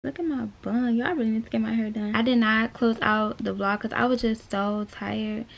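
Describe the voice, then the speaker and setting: A woman's voice: fairly high pitch, fairly even intonation, moderate pace, gravelly, dull audio, noisy background. Chatty young woman vlogging to camera. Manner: chatty, laid-back, lots of "like" and "you know". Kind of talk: casual Q&A vlog to camera. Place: small bedroom indoors. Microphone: camera at arm's length.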